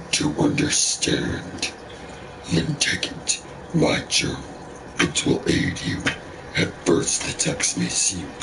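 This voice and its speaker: Possessed, gravelly demonic beast hunter. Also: male voice, recorded from a distance, noisy background, heavily acted. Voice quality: super deep, gravelly, demonic growl. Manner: possessed-sounding, slow, drawn-out menacing delivery. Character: ancient demonic beast hunter, menacing and solemn. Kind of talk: video game character dialogue read aloud.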